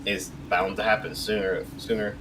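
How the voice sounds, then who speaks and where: Male co-host, low pitch, easygoing chat, distant from mic, noisy background. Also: level tone, normal speed. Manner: easygoing, loose phrasing with filler. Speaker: podcast co-host. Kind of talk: casual chat, reading news.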